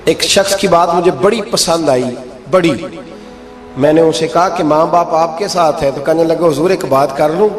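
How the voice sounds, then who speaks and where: A man's voice: fairly high pitch, steady tone. A man preaching a sermon in a mosque, emphatic, his voice climbing sharply when he acts out the people in his stories. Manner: emphatic, rises sharply when acting out quoted speech. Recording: echoey hall with faint music.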